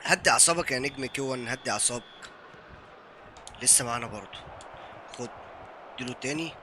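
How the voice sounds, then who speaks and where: Excitable Egyptian man taunting while gaming. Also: medium pitch, fast, a little hiss or hum. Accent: Egyptian Arabic. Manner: excitable, taunting the opponent, rhythmic chanting. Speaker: gaming streamer. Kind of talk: live gameplay commentary.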